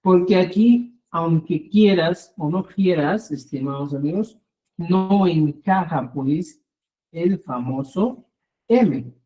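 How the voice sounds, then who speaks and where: A man's voice: on the high side, slow pace, dull audio. A man teaching an online language class, patiently explaining and often checking in with the students.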